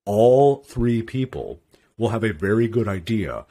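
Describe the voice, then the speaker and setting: A man co-hosting a podcast, explaining ideas in casual chat with an animated, thoughtful manner. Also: fairly low pitch, unhurried. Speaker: podcast co-host.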